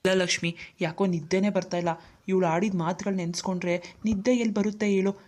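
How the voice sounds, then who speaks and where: A woman's voice: mid-range voice, fairly even intonation, fast talker, a little mellow, lightly acted. A woman voicing a worried young husband and protective older brother in a cartoon, speaking earnestly. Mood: upset. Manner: earnest, troubled. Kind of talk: cartoon dialogue acting.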